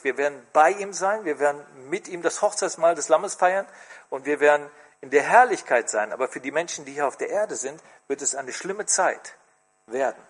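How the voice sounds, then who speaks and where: Male preacher, high husky voice, animated delivery, questions to the congregation. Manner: expressive, asks the congregation questions. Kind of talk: sermon.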